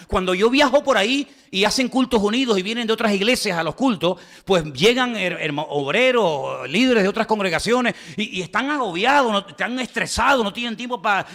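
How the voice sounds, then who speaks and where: A man's voice: high voice, a bit bright. A man preaching a sermon to his congregation, telling humorous stories and acting out conversations. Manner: humorous storytelling, acting out dialogue in his own voice; conversational, addresses the congregation directly. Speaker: pastor.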